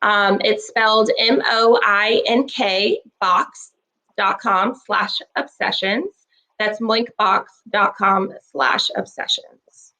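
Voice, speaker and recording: A woman's voice: medium pitch, slow, bright, forceful tone, poor audio. A woman of about thirty co-hosting a podcast, talking casually, supportive and teasing. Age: 30s. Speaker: podcast co-host. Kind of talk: casual chat.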